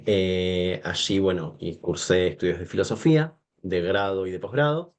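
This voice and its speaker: Argentine guy in his 40s, a guest on a podcast, kinda low voice, lots of "eh"s and restarts, wanders off topic. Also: moderate pace. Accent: Argentine Spanish. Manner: hesitant, many fillers and restarts, digressive. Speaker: guest scholar. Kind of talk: podcast interview.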